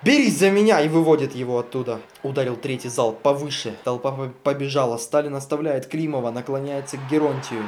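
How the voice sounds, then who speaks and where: Calm man reading a play aloud. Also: medium pitch, fairly quick, few pauses, a little hiss or hum. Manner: calm even narration, joking asides. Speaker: podcast host.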